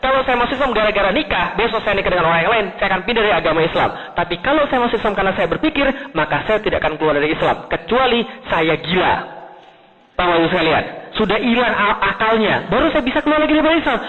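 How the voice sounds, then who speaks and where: A man from Indonesia delivers a lively religious lecture, talking quickly and asking his listeners rhetorical questions. His voice sits high and jumps between emphatic peaks and low asides. The recording is thin and phone-like, with a long reverb from a large hall. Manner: asks the audience rhetorical questions. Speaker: preacher. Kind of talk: Islamic lecture to an audience.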